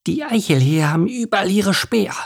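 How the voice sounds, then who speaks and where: A man's voice: high voice, expressive, quick pace, vocal fry, breathy edge, pitched above the performer's own voice, full character voice. A man voicing a timid, anxious young male duckling who mutters his worries in a storybook reading.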